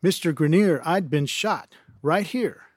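A man reading aloud as a rough-spoken, superstitious backwoods man who rambles in folksy broken grammar. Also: a little high, expressive, unhurried, no echo, clean studio sound. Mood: uneasy yarn.

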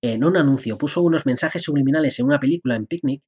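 Male podcast host, husky voice, playful and chatty, acts out inner voices. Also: medium pitch, very fast, a little mellow. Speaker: podcast host and personal development coach. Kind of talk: casual podcast monologue.

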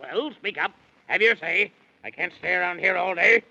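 A man's voice: high-pitched, animated, moderate pace, creaky, bright, forceful tone, breathy edge, exaggerated voice. An actor playing a gloating, vain, tyrannical king in a 1930s radio play, pompous and mocking in rhyme. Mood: commanding, impatient. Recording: dull, muffled 1930s radio recording.

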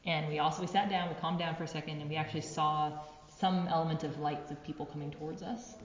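A woman in her thirties, a cave resource manager, chatting quickly and laughing often while sitting in an underground cave, her voice echoing off the rock. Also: sits low, fairly even intonation, slight background noise. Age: 30s. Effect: cave echo. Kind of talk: casual interview storytelling. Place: large underground cave room. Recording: echoey cave, dull muffled sound.

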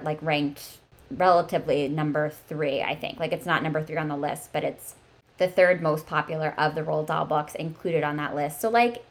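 A woman in her early thirties hosts a relaxed book podcast. Her voice sits a little low, and she talks in a loose, chatty way, full of "like" fillers. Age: 30s. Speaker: podcast host. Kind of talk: casual book chat.

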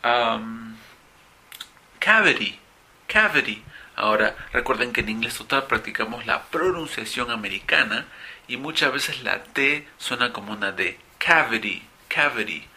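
Male language teacher, husky edge, emphatic on key words, explanatory lesson delivery. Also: medium pitch, expressive, unhurried, sharp tone. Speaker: English teacher.

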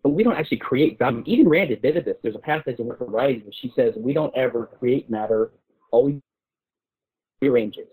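A man with a medium-pitched, warm, expressive voice that carries a breathy edge argues his points informally as a guest on an intellectual discussion show. He is halting and often repeats words while building his case. The audio is muffled, like a narrow phone line.

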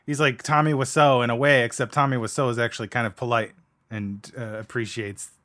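Podcast host, male, middle pitch, opinionated, restarts a lot. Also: brisk. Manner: animated, opinionated, restarts phrases often. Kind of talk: casual gaming podcast chat.

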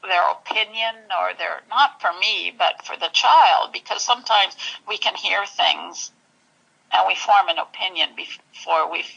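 A woman telling her personal story in an interview, halting and searching for words. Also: mid-range voice, creaky, pushed and bright, breathy edge, highs cut off. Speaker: interview guest.

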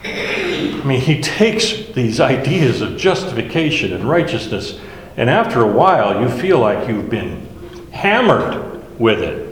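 A man's voice: mid-range voice, big pitch swings, a little slow, a little hiss or hum. A man leading a Bible study, explaining verses one by one in a conversational way. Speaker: Bible teacher. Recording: echoey hall with faint ambience.

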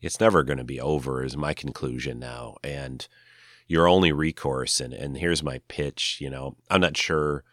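An older man with a very deep voice hosts a casual podcast on his own. He sounds nasal, congested and worn out with a cold, and he rambles with frequent hesitations. The recording is dry, with little room sound. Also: fairly even intonation, fairly bright tone, dry recording. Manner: halting, rambling. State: sick with a cold, tired. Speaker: podcast host. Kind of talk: casual solo podcast talk.

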